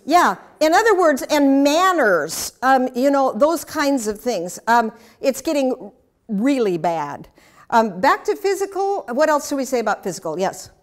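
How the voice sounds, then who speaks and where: A woman's voice: high voice, big pitch swings, a little slow. An older woman giving an interactive class talk, chatty and anecdotal, with humorous asides and questions to the audience. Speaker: speaker teaching a class.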